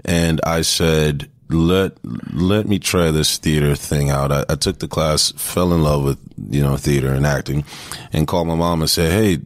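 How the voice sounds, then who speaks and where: A man from Texas in his thirties, an actor guest telling his story in a relaxed interview, often pausing and restarting his sentences. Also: extremely low pitch, dry recording, studio quality. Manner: hesitant, many restarts and fillers. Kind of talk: casual interview talk.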